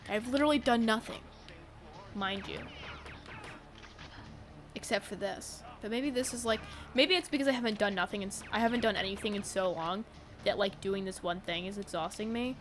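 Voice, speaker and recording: A woman's voice: medium pitch, moderate pace, a little hiss or hum. A woman chatting casually while streaming a game, tired and yawning, rambling with lots of fillers and giggles.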